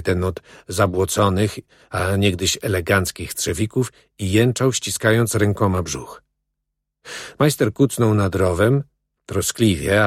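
Brief: male reader, steady literary narration, lowish pitch, dry studio sound. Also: no room sound. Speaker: audiobook reader.

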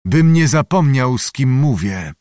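A man's voice: medium pitch, expressive, measured pace, darkish tone, no room sound, clean studio sound, natural voice. A man voicing a grave young lieutenant who speaks sternly and with restraint in a storybook reading. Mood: grim restraint. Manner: stern, controlled, solemn.

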